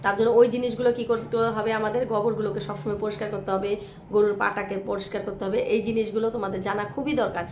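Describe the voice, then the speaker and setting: A hoarse woman vlogging by a cowshed, chatting affectionately with her viewers and often asking if they follow. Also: mid-range voice, steady tone, fast talker, darkish tone, a little hiss or hum. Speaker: village life vlogger. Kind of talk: casual vlog chat to viewers.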